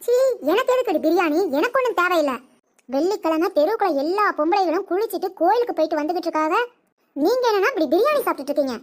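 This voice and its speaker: Cartoon mother-in-law, older, shrill and scolding, played by a woman, very high voice. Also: lively intonation, fast. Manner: scolding, nagging, loud. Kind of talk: cartoon comedy voice acting.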